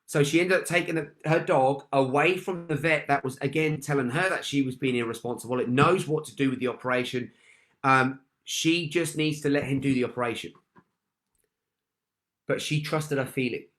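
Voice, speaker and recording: A man's voice: mid-range voice, normal speed, fairly bright tone. A man giving a motivational talk, telling a personal story with emphatic repetition and often addressing his listeners as "guys". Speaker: motivational speaker.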